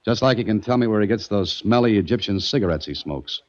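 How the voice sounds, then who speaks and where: In 1940s radio acting, an actor plays a hard-boiled male detective, dry and determined, who narrates his own case. His voice is lowish, animated and fast, lightly acted over loud music, on a dull old radio recording.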